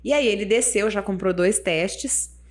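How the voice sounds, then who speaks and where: A woman in her thirties, a mother, chatting casually on a podcast in a confiding way, with soft asides. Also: mid-range voice, unhurried. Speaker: podcast guest, mother of one. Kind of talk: casual chat.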